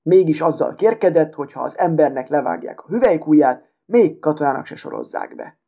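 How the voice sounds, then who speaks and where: A man's voice: on the high side, very animated, gravelly, dark tone, heavily acted. A man voicing a vain, haughty female sewing needle who talks in a proud, affected, self-important way. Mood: boastful.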